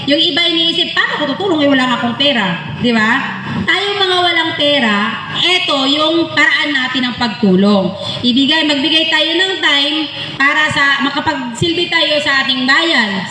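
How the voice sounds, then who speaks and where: A Filipino woman addresses trainees at a ceremony in a high, bright voice. She speaks as a rallying organizer, often prompting listeners to agree. Her voice rings with heavy echo in a large hall. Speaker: volunteer organization officer giving a graduation address. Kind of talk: motivational ceremony speech to trainees. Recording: echoey hall with long reverb, faint noise.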